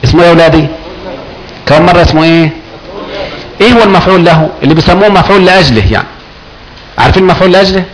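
A man with an Egyptian accent teaching Arabic grammar to a class, quizzing the students and chanting examples slowly. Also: sits high, low-quality recording.

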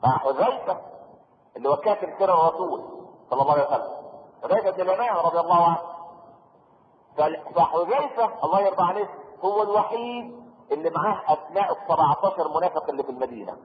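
An Egyptian man gives a sermon in a lively voice that sits fairly high, throwing out rhetorical questions and joking asides. The recording is tinny and lo-fi, with a long hall reverb and faint noise underneath. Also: quick pace. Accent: Egyptian Arabic. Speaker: preacher.

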